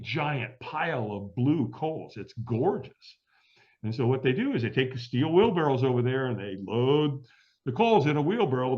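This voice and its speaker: A middle-aged man as an interview guest, telling a story in a vivid way and acting out the quoted dialogue. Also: medium pitch. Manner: vivid, acts out quoted dialogue, laughs often. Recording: dull lo-fi audio.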